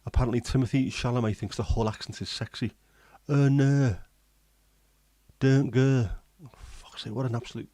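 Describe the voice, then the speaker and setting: This livestream host from England keeps things casual, responding to live comments in a rambling way full of ums and false starts. He speaks in a mid-range, dark-toned voice with fairly even intonation at a moderate pace, recorded dry.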